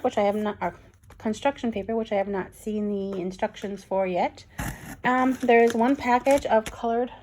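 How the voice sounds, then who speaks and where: A woman's voice: medium pitch, slight background noise. Chatty woman reviewing a reading program. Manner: fast-talking and excited, with frequent ums. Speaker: homeschool curriculum reviewer. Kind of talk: casual product review.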